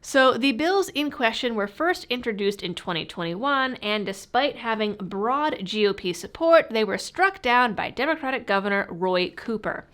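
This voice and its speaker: A woman's voice: fairly high pitch, expressive, moderate pace, hardly any pauses, fairly bright tone. A woman with a cold, her voice stuffy and muffled as if talking through a fishbowl, hosting a political commentary channel with sarcastic, pointed delivery.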